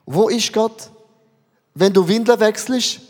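A man with a Swiss German accent delivers a sermon, firing rhetorical questions at his congregation. His voice sits high. It carries a long reverb from a large church hall. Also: slow pace, darkish tone. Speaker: pastor.

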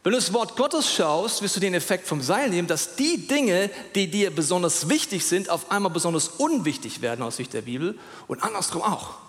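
A man preaching a sermon in an animated way, speaking straight to his listeners with questions. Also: high-pitched, normal speed. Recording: long hall reverb.

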